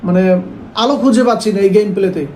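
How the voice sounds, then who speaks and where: Male football gameplay commentator, very high-pitched, friendly address to viewers, reverberant room with faint noise. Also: quick pace, a little mellow. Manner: addresses viewers as friends, mixes in English words.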